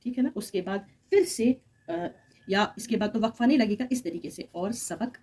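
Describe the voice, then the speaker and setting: Mellow, husky woman teaching grammar. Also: on the high side, expressive, normal speed. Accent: Urdu. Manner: patient, explanatory, with spoken examples. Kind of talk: recorded grammar lesson.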